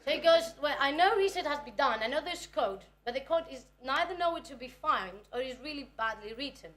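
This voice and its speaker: With some noise in the background, a high-pitched, animated, slightly fast voice belongs to a Greek woman in her twenties. She's a native Greek speaker presenting research at a conference, anxious, chatty, and self-effacing.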